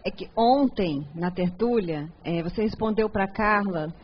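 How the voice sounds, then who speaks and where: A woman in the audience plainly explains a question to the lecturer. Her voice sits at a medium pitch. The recording is dull and lo-fi. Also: measured pace, slight background noise. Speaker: audience member. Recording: dull lo-fi sound.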